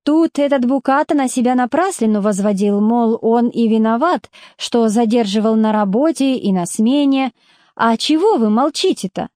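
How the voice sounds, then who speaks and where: A woman's voice: a little high, measured pace, warm tone, dry recording, clean studio sound, lightly acted. A woman voicing a plainspoken working-class mother, blunt, stubborn and speaking in homely folk speech, in a storybook reading. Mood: indignant.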